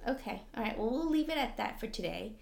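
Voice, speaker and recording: A woman co-hosting a podcast in casual chat, talking in an animated way with lots of fillers. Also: fairly high pitch, fast, creaky, echoey room. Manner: chatty, animated, frequent "like" fillers. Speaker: podcast co-host.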